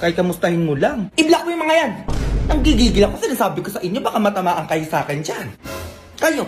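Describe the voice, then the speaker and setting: A woman performing comic family skits, switching quickly between bickering characters. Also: medium pitch, very animated, music in the background. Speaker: comedy sketch creator.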